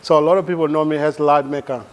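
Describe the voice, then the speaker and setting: A man from Sudan, a guest in a casual interview, telling his story haltingly with many fillers. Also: a little high, steady tone, slight background noise. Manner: halting, full of "you know" and "like" fillers.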